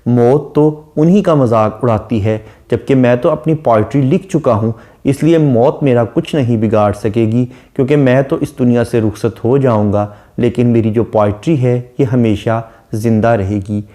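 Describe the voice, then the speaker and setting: Man, literature lecturer, dark relaxed tone, slow verse readings. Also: mid-range voice. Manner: reads English verse slowly, then explains. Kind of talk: explaining a sonnet line by line.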